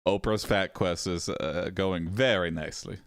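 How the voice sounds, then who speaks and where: A man hosting an AI text adventure, commenting casually in an amused, drawn-out way with frequent laughs. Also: low-pitched, clear, resonant tone, no room sound, clean studio sound. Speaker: host playing an AI text adventure.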